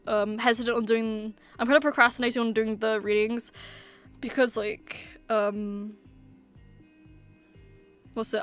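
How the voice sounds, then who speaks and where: Over faint background music, a streamer talks casually in a clean, somewhat bright voice that sits on the high side. Her speech wanders and hesitates, peppered with many "um"s and "like"s.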